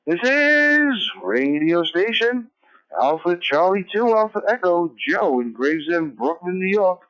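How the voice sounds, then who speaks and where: A man's voice: high-pitched, very animated, unhurried, fairly bright tone. A man who is a ham radio net operator, making casual, rambling announcements full of fillers, heard over a radio transmission. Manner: rambling, with many fillers and restarts. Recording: dull, muffled radio audio.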